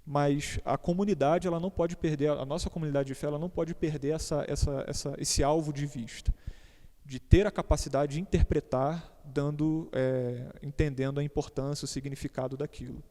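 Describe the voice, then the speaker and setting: Here a Brazilian man with a Brazilian Portuguese accent teaches on a church panel in a church hall, speaking at normal speed with fairly even intonation. His voice is fairly high and warm. The talk is conversational and hesitant, with repeated words and casual asides, and a long hall reverb hangs on everything.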